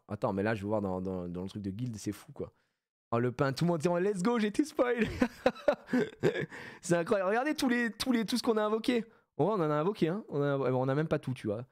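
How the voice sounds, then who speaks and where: A French man streaming and commentating a game, chatting loosely and bursting into shouts of joy. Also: mid-range voice, no echo, studio quality. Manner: excitable, shouts with joy at big pulls; loose casual chat with fillers.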